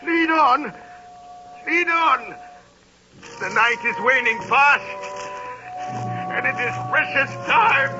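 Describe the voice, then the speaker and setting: A man's voice: very high voice, slow, long pauses, music in the background. A man acting a fearful, pleading old Scrooge in a 1930s radio drama, on a muffled old broadcast. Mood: fearful resolve. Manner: urgent, pleading.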